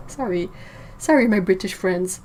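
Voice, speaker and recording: Woman, livestream host, casual chat, mid-pitched voice, talkative, laughs easily. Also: takes it slowly, a little mellow, a little hiss or hum, rough recording. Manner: chatty, laughs often, reacts to chat messages.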